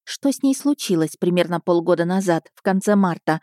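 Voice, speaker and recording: A stern, composed widow necromancer who speaks in curt, calm commands, as a woman reader voices her. The voice is low and mellow, dry and close in a storybook telling. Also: a little fast, dry recording, natural voice.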